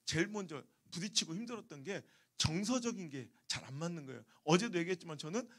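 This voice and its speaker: Revival preacher, male, high voice, animated storyteller with broad swings of pitch. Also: fast talker. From Chungcheong, Korea. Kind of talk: revival sermon. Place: church sanctuary.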